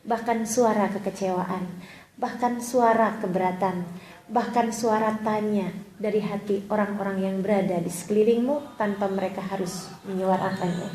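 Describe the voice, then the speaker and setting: An Indonesian woman preaching a sermon to a gathering of women, telling stories with lively acted-out voices. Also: high-pitched. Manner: expressive storytelling, acting out quoted voices. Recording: echoey hall recording.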